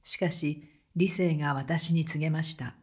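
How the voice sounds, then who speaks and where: A narrator reading a first-person account aloud in a calm, measured, scripted way. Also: medium pitch, slightly rough.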